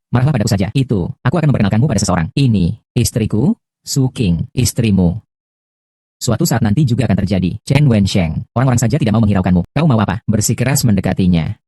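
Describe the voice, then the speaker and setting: A man with a low, mellow voice rattles through dubbed drama dialogue at a fast clip. He keeps one steady tone for every character. The sound is dry and close. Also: no room sound. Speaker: voice-over reader of a dubbed drama. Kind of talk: fast scripted dialogue dub read in one voice.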